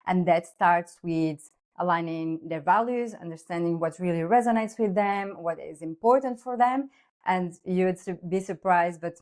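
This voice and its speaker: A woman in her thirties speaks English with a Portuguese accent, her voice sitting a little low for a woman. She explains things earnestly and at length, with the odd filler and restart, as a podcast guest. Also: darkish tone. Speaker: guest, lifestyle coach. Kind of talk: podcast interview.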